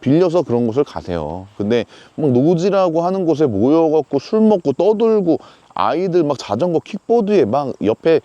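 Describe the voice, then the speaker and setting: A man's voice: a little high, big pitch swings, normal speed, hardly any pauses, mellow, no room sound, muffled recording. A man talking casually to camera in a camping vlog, chatty with lots of fillers and strong opinions. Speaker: camping vlogger. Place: outdoors at a campsite.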